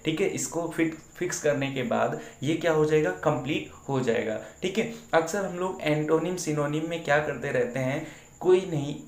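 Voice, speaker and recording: A man's voice: a little high, reverberant. A man teaching English vocabulary in an online exam-prep lesson, explaining patiently and asking his students questions he then answers.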